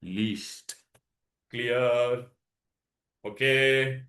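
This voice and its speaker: A man's voice: mid-range voice, fairly even intonation, drawn-out words, sharp tone. A man with an Indian accent teaching an interactive science lesson, mixing Hindi words into English and often asking questions to prompt answers. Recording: echoey, roomy sound.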